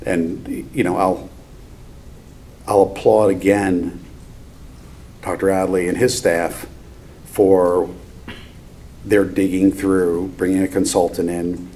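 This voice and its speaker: A man with a low, mellow voice explains his views at a board meeting. He qualifies his points as he goes, with faint noise behind him. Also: steady tone, slow, long pauses, low-quality recording. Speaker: board of finance member. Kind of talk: measured meeting remarks.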